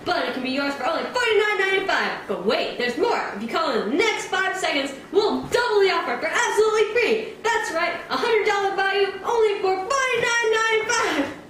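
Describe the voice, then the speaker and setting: Woman acting very high-pitched infomercial pitchwoman, roomy echo. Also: lively intonation, brisk, fairly bright tone. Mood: excited hard sell. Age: young adult. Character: pushy, excitable infomercial pitchwoman selling towels. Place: office-like indoor room. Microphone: camera across the room. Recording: roomy indoor echo, background noise.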